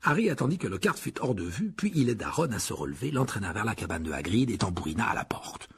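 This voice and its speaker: A man's voice: fairly low pitch, very animated, fast talker, a little hiss or hum. A man narrating a storybook expressively as an audiobook reader. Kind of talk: scripted narration.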